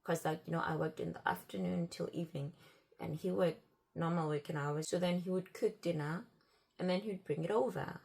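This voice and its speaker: A woman's voice: on the low side, steady tone, brisk, vocal fry, a little mellow, breathy edge. A woman telling a personal story in a casual, chatty way, often replaying conversations with "I'm like" and "he's like.". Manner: repeats and restarts phrases as she talks.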